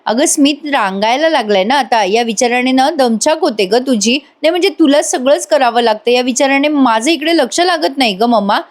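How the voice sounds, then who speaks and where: A woman's voice: sits high, lively intonation, a little fast, few pauses. A woman voicing an anxious young mother who pleads with her own mother over a video call. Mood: worried. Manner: worried, pleading.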